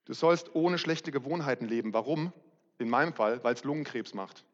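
A man's voice: medium pitch, normal speed. Brief: middle-aged male pastor, candid, self-mocking sermon voice, muffled reverberant hall recording.

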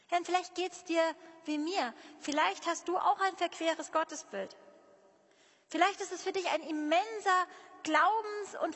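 A woman shares a personal devotional reflection in a confessional, searching way, turning often to speak straight to her listeners. Her voice is high, and a long reverb trails behind every phrase. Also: a bit bright.

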